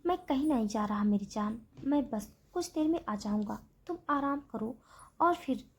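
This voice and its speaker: A woman voicing a young man who gently reassures and protects his beloved in a spoken story. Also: fairly high pitch, moderate pace, breathy edge. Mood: tender.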